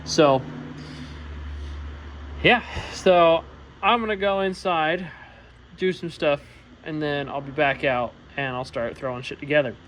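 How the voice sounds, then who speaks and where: A man's voice: fairly high pitch, steady tone, unhurried, long pauses, a bit bright, a little hiss or hum. A man giving a casual, rambling update on fixing his car, with lots of fillers as he lists the jobs left. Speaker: vlogger working on his car.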